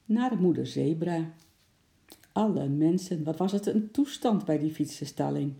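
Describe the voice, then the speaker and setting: Lively children's-book narrator, dark tone, roomy room. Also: mid-range voice, unhurried, gravelly. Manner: lively storytelling. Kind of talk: children's audiobook reading. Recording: roomy echo.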